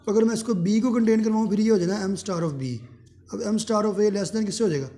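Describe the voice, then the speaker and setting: A man's voice: high voice, brisk, dark tone. A man giving a math lecture, who poses questions to the class and answers them himself.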